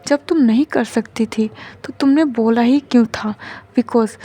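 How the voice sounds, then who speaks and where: A woman's voice: a little high, measured pace, dark tone, breathy edge. A woman voicing a possessive, scheming young man who threatens and plots in a storybook narration. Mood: angry. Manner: menacing, scheming.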